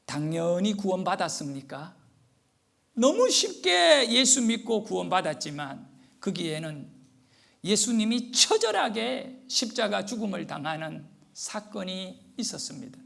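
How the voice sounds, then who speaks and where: High, lively, gravelly-voiced male pastor. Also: a little slow. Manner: rhetorical questions answered by himself; tells personal anecdotes. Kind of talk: sermon. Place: church.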